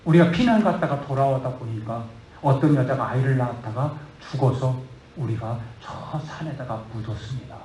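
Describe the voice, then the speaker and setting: A man's voice: mid-range voice, moderate pace, darkish tone, slight background noise. A male pastor preaching a sermon, telling a story and then urging his listeners with rising fervor. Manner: rising to fervent, urgent exhortation. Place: church. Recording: roomy church hall.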